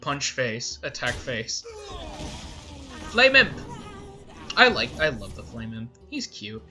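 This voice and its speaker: A woman's voice: a bass voice, big pitch swings, a little slow. A woman doing casual game commentary, playfully thinking aloud as she plays. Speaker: gaming host. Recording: faint game music behind.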